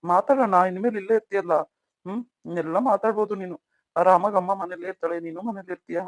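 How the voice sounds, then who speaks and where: A man's voice: high voice, fairly even intonation, fast talker, dry recording, lightly acted. A man voicing an earnest, pleading younger brother. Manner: pleading, emotional. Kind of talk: cartoon story voice acting.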